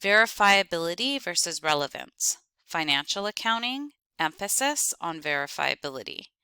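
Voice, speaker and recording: A woman lecturing on accounting, reading out terms, definitions and lists in clipped, deliberate steps. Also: fairly low pitch, big pitch swings, pushed and bright, smooth, no echo. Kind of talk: reading lecture slides aloud.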